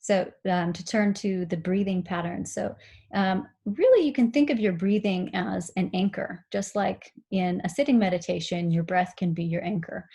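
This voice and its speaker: A woman giving a recorded seminar on mindful running, explaining calmly with frequent fillers. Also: medium pitch, normal speed, husky. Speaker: running instructor.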